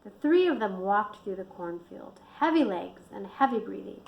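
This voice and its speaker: A woman reading her own book aloud in a steady storytelling manner. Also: medium pitch, moderate pace, gravelly, muffled recording. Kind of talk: audiobook narration.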